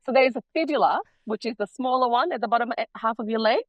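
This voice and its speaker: A woman from Bangladesh, a podcast guest, explaining her story calmly in a casual interview and laughing easily. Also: fairly high pitch, fast talker, no echo, dull audio.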